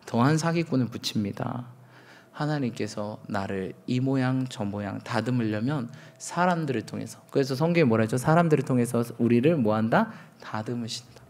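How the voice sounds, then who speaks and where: Gravelly-voiced man preaching. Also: medium pitch, moderate pace. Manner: candid, self-mocking storytelling with acted quotes and laughter. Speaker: pastor. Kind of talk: sermon.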